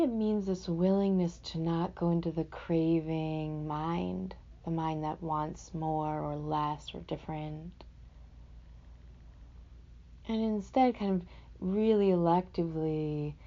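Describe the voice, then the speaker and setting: A woman leads a guided meditation off the cuff, gentle, unhurried, and reflective, pausing between phrases. Her voice is lowish and the audio is dull.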